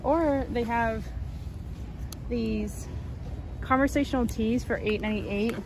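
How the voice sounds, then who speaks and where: A woman vlogging as she walks a large store, chattily listing prices and getting excited over new finds. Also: fairly high pitch, takes it slowly, vocal fry, background noise. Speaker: shopping vlogger. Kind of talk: casual shop-with-me narration. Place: large retail store, indoors.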